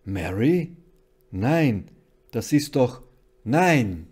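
A man's voice: medium pitch, sing-song, measured pace, a little mellow, husky, heavily acted. A man reading aloud voices a frightened middle-aged mother who cries out in alarm. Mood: horrified.

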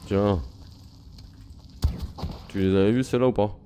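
A man talks through a game in a low, mellow voice, chatting to his viewers and teasing the creatures he fights. A faint hiss of noise sits under the recording. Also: fairly even intonation, a little slow. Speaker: gaming youtuber. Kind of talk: casual let's-play commentary.

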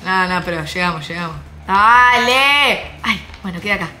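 A young woman with an Argentine accent, commenting on her own gameplay, muttering softly while she plays and breaking into high shrieks. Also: lively intonation, moderate pace, a little hiss or hum. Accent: Argentine Spanish. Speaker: gaming YouTuber.

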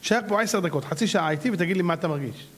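A man's voice: high voice, in a large hall. Man playing a sly confiding friend. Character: shrewd friend giving sly advice.

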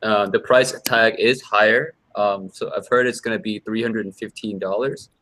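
Laid-back, giggly low-voiced man. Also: steady tone, moderate pace, a bit bright. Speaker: livestream co-host. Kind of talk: casual chat.

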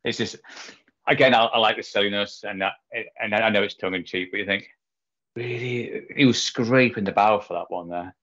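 Low-voiced man in rambling podcast chat. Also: fairly even intonation, brisk, fairly bright tone. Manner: rambling, chatty, amused. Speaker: podcast co-host. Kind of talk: casual chat. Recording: dull lo-fi podcast audio.

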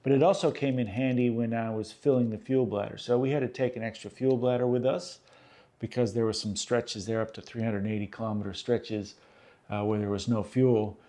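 A man in his fifties from Australia, hosting a casual gear vlog and chatting in a relaxed way with lots of "uh"s, recorded at a table in a small room. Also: medium pitch, brisk. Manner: relaxed, chatty, many "uh" fillers. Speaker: host. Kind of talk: casual show-and-tell vlog.

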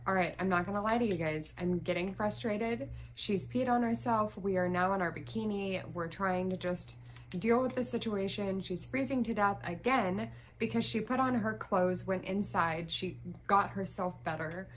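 A woman's voice: mid-range voice, normal speed, slight background noise, poor audio. A woman giving chatty, exasperated commentary while playing a life-simulation game. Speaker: gaming YouTuber. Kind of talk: gameplay commentary.

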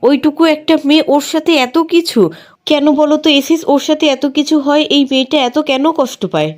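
A woman's voice: high-pitched, normal speed, lightly acted. A woman voicing an anxious, caring woman of the family, read in her plain narrating voice.

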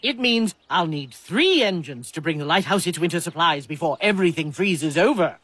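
A woman's voice: on the low side, lively intonation, moderate pace, fairly bright tone, a little hiss or hum. A woman voicing a jolly, portly railway boss in a cartoon, talking cheerfully with authority. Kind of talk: cartoon voice acting. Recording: cartoon audio with music.

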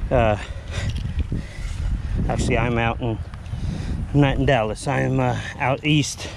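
A man's voice: mid-range voice, fairly even intonation, a little slow, vocal fry, noisy background. A man narrating his metal detecting hunt outdoors, breathing hard and rambling with filler words. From Texas. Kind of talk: casual narration while digging. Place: outdoors in a humid field.

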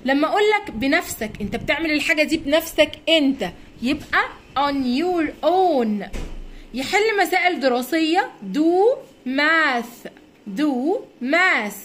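An Egyptian woman teaches English vocabulary in a recorded lesson for primary school children. Her voice sits high and moves with a wide, animated melody. She stops on each new word and repeats it slowly so the pupils can copy it. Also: a little hiss or hum. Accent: Egyptian Arabic.

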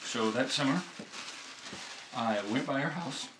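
A man's voice: medium pitch, measured pace. A man in a comedic scene, talking in a hesitant, rambling way and breaking into silly sung lines. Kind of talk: rambling comic monologue. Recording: echoey room with faint noise.

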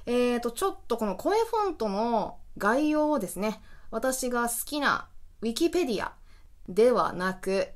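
A woman's voice: a little high, big pitch swings, normal speed. A woman hosting a casual solo web radio chat, explaining things in a chatty way with frequent laughs, on a home studio mic.

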